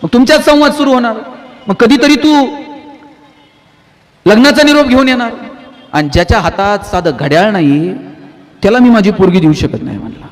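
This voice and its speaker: A man with a strikingly high voice delivers a motivational speech to a live audience. He tells stories and swings between loud, pointed peaks and hushed drops. The sound carries a long reverb from a large hall. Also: normal speed, pauses often. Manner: rousing, storytelling, with sharp rises and drops in pitch and loudness. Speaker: motivational speaker.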